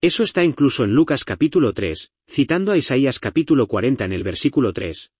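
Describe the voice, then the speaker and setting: A man from the United States gives a Bible lecture in a husky voice that rises and falls with lively pitch. He talks in a conversational, explanatory way, full of asides. The sound is dry and close, with no room echo. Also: fast talker. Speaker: Bible teacher.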